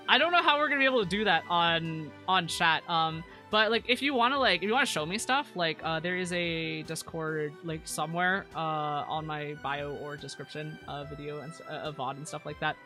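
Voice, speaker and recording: A woman's voice: on the low side, moderate pace, pushed and bright, soft background music. A woman live streamer chatting casually over a game and reading out viewer comments, in a cute anime-streamer manner with slangy, stammering rambles. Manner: stammering, repeats words.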